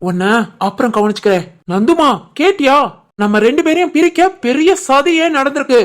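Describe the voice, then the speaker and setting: A voice artist uses a high-pitched, somewhat quick delivery to portray a lovesick, eager young office worker in a cartoon. Speaking in a southern Tamil Nadu dialect, the character sounds doting, excitable and pleading.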